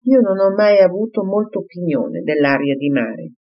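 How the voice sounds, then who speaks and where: A man's voice: high-pitched, big pitch swings, moderate pace. A reader voicing a fretful, doting elderly father in an audiobook, fussing in a raised voice. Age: older. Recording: slightly muffled recording.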